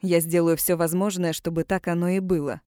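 A woman reading a gruff, earnest man in love. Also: high voice, flat delivery, fairly quick, dark tone, dry recording, studio quality, natural voice. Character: gruff smitten man, newly engaged.

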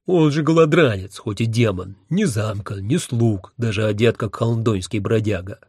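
A man voicing a gruff two-headed father who grumbles with scorn. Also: on the low side, moderate pace, darkish tone, no room sound, studio quality. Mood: grumbling. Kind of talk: audiobook character voice.

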